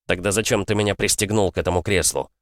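A man's voice: deep voice, fast talker, no echo, natural voice. A man voicing a defiant young man held captive, heated and indignant, in an audiobook. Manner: heated, indignant, sharp outbursts. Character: young man trapped in a strange world, angry and defiant. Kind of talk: audiobook character voice.

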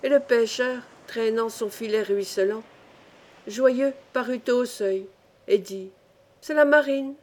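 A woman reading a poem aloud in a measured, solemn recitation. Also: fairly high pitch, darkish tone. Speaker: reader. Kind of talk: poetry reading.

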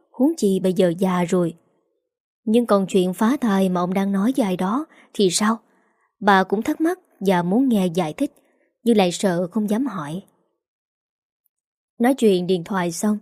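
A woman reading a novel aloud in a steady, even way as the narrator. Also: medium pitch, no room sound, clean studio sound. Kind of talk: scripted story narration.

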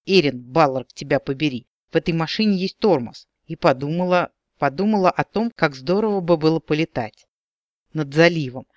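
A man narrating an audiobook in a measured, expressive reading. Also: a little high, clear, resonant tone, dry recording, lo-fi sound.

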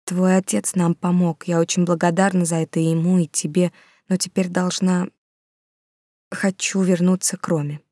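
Brief: woman reading a guilty tearful young woman, soft, halting, lowish, dry. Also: little pitch movement, no room sound, natural voice. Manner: soft, halting, apologetic, near whisper.

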